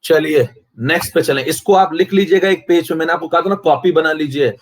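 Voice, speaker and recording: A man's voice: fairly high pitch, a little fast. A man teaching chemistry in a live-streamed online lecture, boastful and forever checking whether his students follow. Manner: boastful, keeps asking students if they follow.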